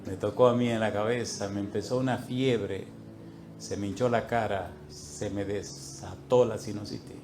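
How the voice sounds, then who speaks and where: Animated man telling a sermon story. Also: lowish voice, moderate pace, slight background noise. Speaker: preacher.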